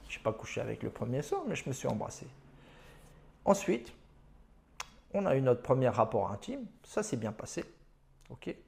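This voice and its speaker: A man's voice: medium pitch, sing-song, normal speed, creaky, long pauses, darkish tone. A man giving dating advice in a casual monologue, telling his own stories in a boastful, slangy and emphatic way.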